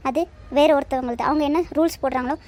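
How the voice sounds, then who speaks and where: Firm working wife, cartoon, arguing, high voice, played by a woman. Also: steady tone, quick pace, darkish tone, close to an everyday voice. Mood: indignant.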